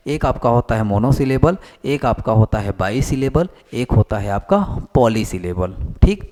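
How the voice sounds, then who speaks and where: A man teaching English basics in a classroom lecture, repeating each point back as a question and slowly dictating definitions as he writes them on the board. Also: mid-range voice, warm tone.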